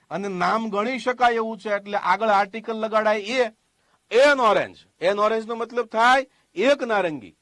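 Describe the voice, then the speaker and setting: High-voiced Gujarati teacher, dry sound. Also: male voice, fairly bright tone, no echo. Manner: explains step by step with questions and repeated examples. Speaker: spoken English teacher. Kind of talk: classroom lesson.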